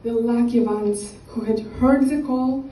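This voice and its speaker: Woman reading her book, slow and soft, mellow higher voice, kinda far off in an echoey room. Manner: slow, measured, dropping softly at line ends. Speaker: author reading her novel. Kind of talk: literary reading. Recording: echoey room, distant from the mic.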